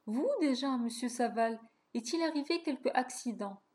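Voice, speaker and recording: A woman's voice: on the high side, expressive, normal speed, darkish tone, lightly acted. A woman voicing a surprised, flustered young maidservant in a storybook reading.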